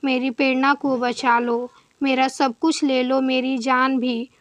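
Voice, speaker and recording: Woman reading as a frantic young husband begging, high flat voice, slow. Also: no room sound, lo-fi sound. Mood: pleading. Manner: pleading, frantic. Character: desperate grieving young husband.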